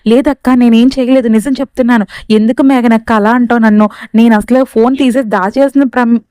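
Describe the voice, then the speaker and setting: A woman's voice: fairly high pitch, steady tone, brisk, warm tone, clean tone, no room sound, close to an everyday voice. A woman voicing a young woman who defensively pleads that she is innocent. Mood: pleading.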